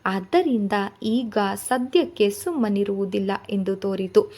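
Slow, measured woman storyteller. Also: medium pitch, a little mellow. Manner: measured, first-person narration. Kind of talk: reading a novel aloud.

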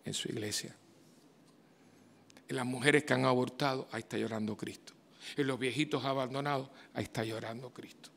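Priest preaching in a reverberant church. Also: male voice, medium pitch, steady tone, a little fast, creaky, long pauses. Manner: conversational preaching with rhetorical questions and sudden loud outbursts. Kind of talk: homily.

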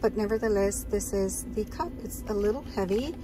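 A woman's voice: medium pitch, brisk, music in the background, rough recording. A woman talking chattily and with enthusiasm as she shows off her purchases in a casual vlog, recorded while sitting on her bed. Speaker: vlogger.

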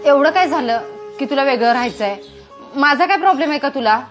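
A woman playing a calm elder sister-in-law who patiently persuades a younger woman to keep the family together. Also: high-pitched, fairly quick. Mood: reasoning. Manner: patient, persuasive, gently lecturing. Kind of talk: domestic skit monologue. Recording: music playing under voice. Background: background music.

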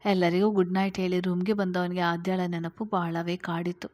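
A woman storyteller reading a serialized family novel aloud with steady, expressive narration. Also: lowish voice, normal speed.

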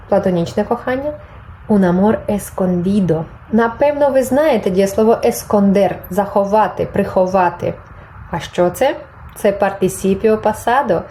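A woman's voice: medium pitch, warm tone, slight background noise, low-quality recording. A woman teaching a Spanish grammar lesson, patiently explaining and reading example phrases aloud, then translating them. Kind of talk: online language lesson.

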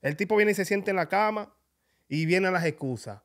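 A man's voice: high-pitched, lively intonation, fairly quick, a bit bright. A man hosting a casual chat, telling stories and asking teasing questions. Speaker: host.

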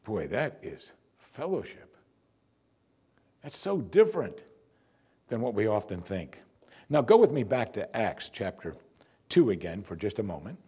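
An older man, a pastor, preaching a sermon from the pulpit of a church in a lively, conversational and wry way, on a lapel mic. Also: lowish voice, a little slow, pauses often, husky.

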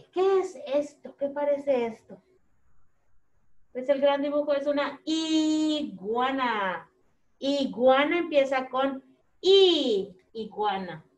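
A woman teacher giving a slow, clear phonics lesson to young children, repeating each word. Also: high-pitched, darkish tone, muffled recording.

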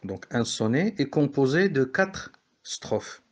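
A man's voice: mid-range voice, big pitch swings, slow pace. A man from Morocco teaching a French poetry lesson, explaining step by step and correcting himself as he goes.

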